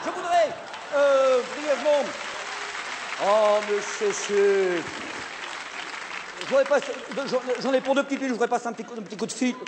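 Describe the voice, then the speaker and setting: A man playing a flustered, stammering male theatre director in a live comedy sketch, hesitating and then bursting into shouts. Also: very high voice, lively intonation, moderate pace, long pauses, a crowd in the background. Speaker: comic stage performer. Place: theatre stage with live audience. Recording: live stage recording, audience noise.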